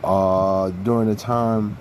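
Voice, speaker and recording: A man with a lowish, warm, mellow voice teaches from scripture in a preaching style. He is earnest and emphatic and circles back to repeat key phrases. A faint hum of noise sits under his voice. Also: little pitch movement, slow pace.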